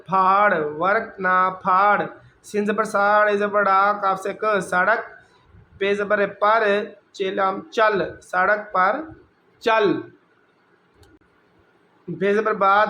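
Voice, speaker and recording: A man teaching Urdu reading, sounding out letters and vowel marks syllable by syllable in a patient, slow lesson style, with a Pakistani Urdu accent. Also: high-pitched, sharp tone, a little hiss or hum.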